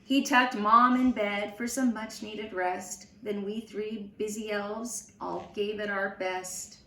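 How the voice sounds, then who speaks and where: A woman reading a children's storybook aloud in an expressive, animated storytelling manner. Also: mid-range voice. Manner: slow, animated storytelling with acted voices. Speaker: storybook reader. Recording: roomy, distant mic with faint noise.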